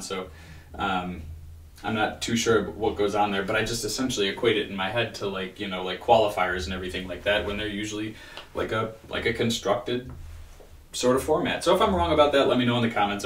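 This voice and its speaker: A man in his thirties giving a casual, rambling video-diary rant, weary and frustrated, with halting restarts. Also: on the low side, slight background noise. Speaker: vlogger. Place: small home room with bookshelf, indoors. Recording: roomy echo, distant microphone.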